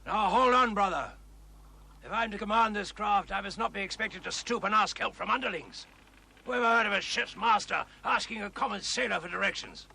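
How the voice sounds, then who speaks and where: An actor playing a proud, stubborn old sailor in a period television drama, with a gruff, gravelly, blustering and pompous way of talking. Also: male voice, high voice, brisk, sharp tone, exaggerated voice. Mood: blustering pride.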